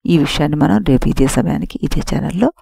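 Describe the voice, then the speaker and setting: A woman narrating a mythological audiobook in a measured, dramatic storytelling manner. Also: low-pitched, vocal fry, mellow, slightly rough, dry recording.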